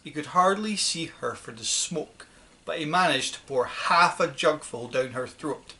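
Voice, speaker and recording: A woman narrating a children's storybook with an expressive, dramatic reading. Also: low voice, a little slow. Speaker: audiobook narrator.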